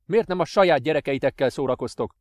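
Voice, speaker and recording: A man voicing a desperate father, loud, defiant and pleading. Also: fairly high pitch, dry recording, voice pushed up, lightly acted.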